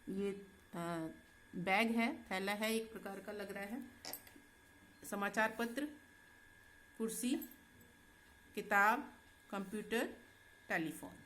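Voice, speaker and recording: A woman teacher going through textbook exercises with students in a slow, patient way, often checking in as she goes. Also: mid-range voice, a bit bright, a little hiss or hum. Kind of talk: Hindi textbook exercise lesson.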